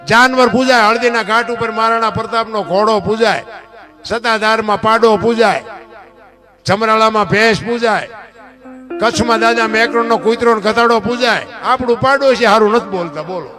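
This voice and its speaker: A man's voice: high voice, moderate pace, music in the background. A man giving a folk storytelling discourse, full of rhetorical questions and folksy asides. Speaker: folk literature speaker.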